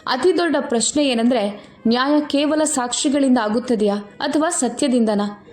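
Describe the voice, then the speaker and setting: A woman voicing a solemn male judge who speaks in a grave, measured way. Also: sits high. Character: grown man, a solemn judge.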